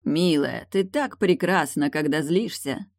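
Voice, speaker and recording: A woman's voice: deep voice, a little slow, no echo, studio quality. A woman reading the part of a mocking, playful young male sidekick in an audiobook. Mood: teasing.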